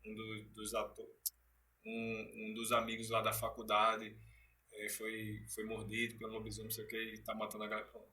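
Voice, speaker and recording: A man's voice: lowish voice, monotone, fairly quick, sharp tone, slight background noise. A man being interviewed as a guest actor, telling stories animatedly in casual chat with frequent restarts. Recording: distant from the mic.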